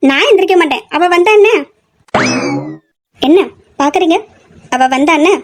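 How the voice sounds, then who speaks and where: A woman's voice: very high-pitched, lively intonation, moderate pace. A young woman voicing a sensitive, stubborn young woman in love in an audio drama, talking in a pouting, emotional way. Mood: tender. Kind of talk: amateur audio drama acting.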